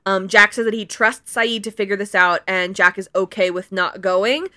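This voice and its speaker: A young woman co-hosting a podcast, animatedly retelling a show's scenes and quickly voicing the characters' lines in casual chat. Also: medium pitch, steady tone, sharp tone. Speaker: podcast co-host recapping episodes.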